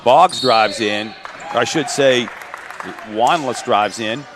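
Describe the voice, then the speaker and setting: A male announcer calls school basketball play-by-play in a middle-pitched voice. His calls are brisk, and they swell with excitement on drives and shots. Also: crowd noise, noisy background. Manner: brisk, excitable calls that rise on big plays.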